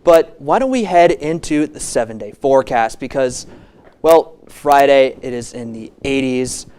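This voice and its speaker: Student weatherman, male, clear resonant voice, relaxed and conversational. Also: mid-range voice, unhurried. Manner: casual, chatty forecasting. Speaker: weather forecaster.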